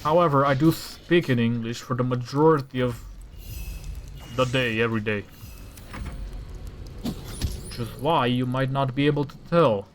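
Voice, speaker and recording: There's slight background noise as a Romanian gaming-channel host, whose native tongue is Romanian, gives casual commentary while demonstrating a mod. His voice is medium-pitched and unhurried, with frequent pauses, and he thinks out loud before erupting into exasperated rants.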